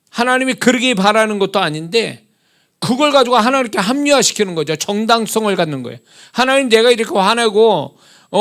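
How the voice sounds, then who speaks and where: A middle-aged man with a high-pitched voice preaches a Wednesday service sermon. He presses his points hard and keeps firing rhetorical questions at the congregation. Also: fairly bright tone. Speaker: senior pastor.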